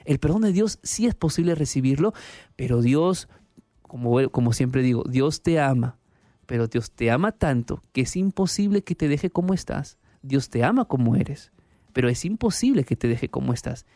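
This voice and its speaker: A man's voice: mid-range voice, animated, moderate pace, mellow, no room sound, clean studio sound. A male pastor telling a testimony and preaching in an earnest, emphatic way.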